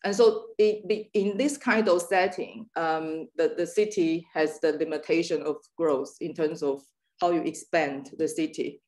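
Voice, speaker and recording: A woman from Taiwan giving a guest lecture on urban planning over a video call, pausing often with fillers and restarting her sentences. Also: sits low, steady tone, darkish tone. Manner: hesitant, many fillers and restarts.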